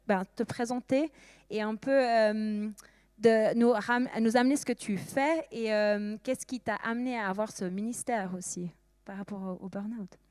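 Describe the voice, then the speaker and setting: A woman's voice: fairly high pitch, steady tone, normal speed, darkish tone, clear, resonant tone, no echo. A woman interviewing a guest at a church service in a friendly way, searching for her words as she goes.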